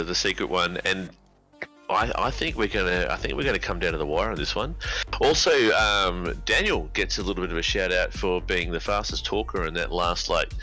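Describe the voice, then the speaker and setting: A man's voice: low-pitched, sharp tone, low-quality recording. An Australian man co-commentating a sim race, chatting casually and enthusiastically with lots of fillers. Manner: rambling, enthusiastic, full of fillers. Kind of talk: casual post-race chat.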